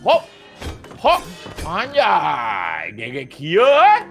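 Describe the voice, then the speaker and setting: A man's voice: high-pitched, huge pitch swings, drawn-out words, creaky. A young man, bantering coarsely and teasing his co-op partner during a game stream. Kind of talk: casual gaming stream chat. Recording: game stream with loud music behind.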